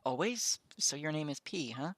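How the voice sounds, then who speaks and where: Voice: mid-range voice, expressive, normal speed, a little hiss or hum, voice pushed up, lightly acted. Lettura di un giocatore: ragazzino gentile e premuroso, tono educato. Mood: earnest. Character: polite young boy, earnest and kind.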